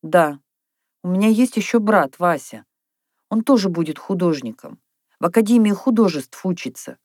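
A woman reading aloud, voicing a shy, quiet, bookish young girl who speaks timidly. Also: on the low side, expressive, normal speed, no echo, studio quality. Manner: timid, soft-spoken.

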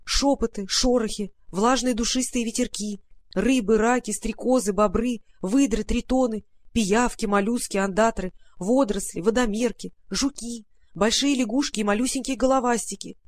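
A woman reading an audiobook, voicing a calm, earnest male fairy-tale friend who explains a worrying trouble. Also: a little high, normal speed, dry recording, close to an everyday voice.

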